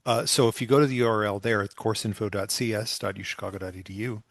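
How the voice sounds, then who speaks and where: Male advisor, slightly low voice, plain explanatory tone, dry recording. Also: fairly even intonation, fast, a bit bright, no room sound. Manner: plain explanatory, some fillers. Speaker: computer science major advisor. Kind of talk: online info session explanation.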